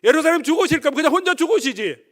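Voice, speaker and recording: A pastor acting out an indignant male disciple who protests loudly in a heated, raised voice. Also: very high voice, expressive, pitched above the performer's own voice. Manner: heated, raised voice, rapid-fire complaints.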